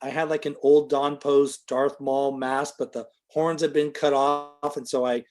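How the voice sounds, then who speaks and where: A man's voice: mid-range voice, level tone, unhurried, darkish tone. A middle-aged man telling a long, casual story as an interview guest, full of fillers, and livelier when he quotes other people.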